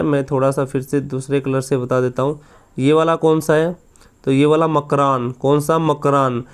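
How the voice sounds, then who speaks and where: A man's voice: fairly high pitch, clear, resonant tone. A man teaching geography over a map, asking his own questions, answering them and repeating the answers as drills.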